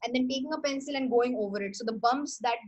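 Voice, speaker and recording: A woman's voice: sits high, fast. A young woman with an Indian English accent hosting a casual livestream, rambling, correcting herself and laughing often. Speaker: host. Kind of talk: casual livestream talk on art history.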